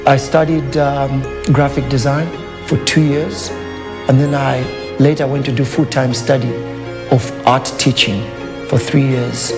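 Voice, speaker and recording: A Zambian artist whose first language is Lugala gives a documentary interview against loud background music. His voice is gravelly and medium-pitched, with a flat delivery. He speaks in a thoughtful, measured way, with pauses and fillers.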